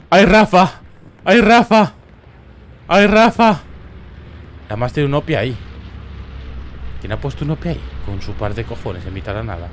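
A man with a Murcian Spanish accent giving casual, crude, joking commentary over a shooter game, often bursting into loud yelps. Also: fairly low pitch, slight background noise. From Murcia, Spain. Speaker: gameplay commentator.

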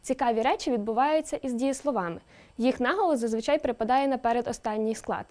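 A woman presenter giving a scripted educational narration, lively and with emphatic rising questions. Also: fairly high pitch, fast talker, over loud music. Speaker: presenter explaining a dialect.

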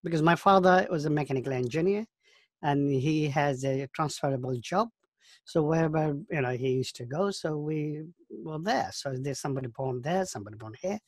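A man's voice: a little high, animated, a little mellow, no echo. Bangladesh-born man in his fifties, dry close sound. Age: 50s. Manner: thoughtful, halting, restarts phrases. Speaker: interviewee. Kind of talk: oral history interview.

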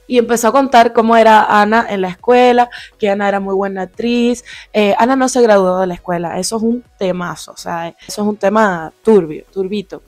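A young woman from Cuba with a Cuban Spanish accent, slightly hoarse, chatting animatedly through a storytime vlog into a small handheld mic in a small home room. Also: medium pitch, a little fast, few pauses, dry recording, faint music behind. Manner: chatty, animated, lots of fillers and asides. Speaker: vlogger. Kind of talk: casual storytime. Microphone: handheld lavalier mic near mouth.

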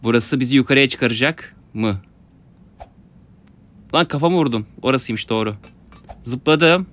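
A young man giving excited let's-play commentary, talking to his viewers and yelping at his mishaps. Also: medium pitch, a little slow. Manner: excitable, yelps and laughs at mishaps, talks to viewers. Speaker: gaming YouTuber.

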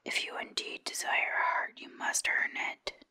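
Woman acting huge terrible storybook beast, whispered, imperious, stern, sharp. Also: moderate pace. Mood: commanding. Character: huge terrible beast wizard, gruff and commanding.

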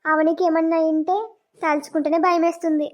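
A woman's voice: very high voice, little pitch movement, fairly quick. Woman voicing a scheming young sister-in-law. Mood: plotting. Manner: muttering to herself, plotting. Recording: dull lo-fi cartoon audio.

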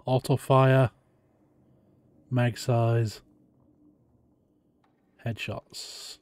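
A man's voice: medium pitch, flat delivery, extremely slow, a little mellow, dry recording. A man streaming a game, giving casual live commentary to his viewers.

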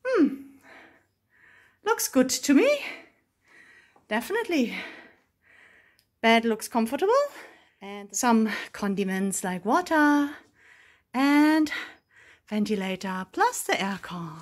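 A woman's voice: on the high side, sing-song, slow, long pauses. A woman filming a cheerful, chatty travel vlog around a resort, often laughing as she shows things to the camera. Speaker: vlogger. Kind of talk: casual vlog narration. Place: resort room and grounds.

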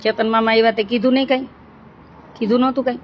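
A woman with a slightly high voice talks quickly and flatly, chatting casually with girls and viewers in a motherly, teasing way as an ashram caretaker. The recording was made outdoors and is noisy with traffic.

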